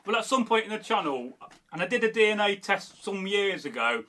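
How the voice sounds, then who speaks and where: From Derby, England, a man rambles as a history channel host, reading viewer comments with many fillers and restarts. His high voice swings widely in pitch and sounds brisk, pushed and bright.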